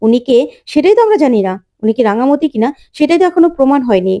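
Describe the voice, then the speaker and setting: A woman's voice: high-pitched, very animated, quick pace. A woman voicing a furious, defiant teenage girl, reading her lines sharply and indignantly in a serial retelling. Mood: angry, shouting. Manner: sharp, indignant, rising to shouts.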